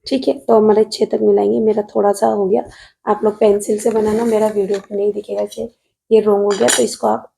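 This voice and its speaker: A woman's voice: medium pitch, flat delivery, brisk, vocal fry, mellow, a little hiss or hum. A woman math teacher with a Rajasthani Hindi accent, patiently solving an exam paper on video while writing at a desk and calling her students "beta".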